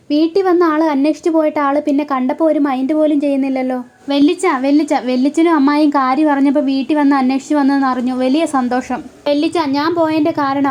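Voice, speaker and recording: A woman's voice: high voice, a little mellow. A woman retelling a TV serial episode. She speaks every character's lines in turn and adds short asides saying who is talking.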